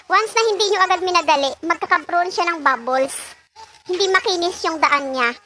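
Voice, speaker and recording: A woman's voice: extremely high pitch, fairly quick. A middle-aged woman, chatting casually and joking while she decorates a cake, laughing often and mixing in English. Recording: loud background noise.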